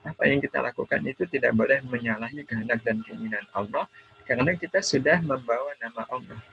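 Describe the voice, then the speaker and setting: Man, middle-aged, Indonesian accent, religious teacher, heavy vocal fry, asks and answers his own questions, dull video call audio. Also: mid-range voice, quick pace, slight background noise. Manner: conversational, asks the audience questions and answers them himself; acts out a scolding parent in quoted lines. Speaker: Islamic preacher. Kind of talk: online seminar talk to mothers.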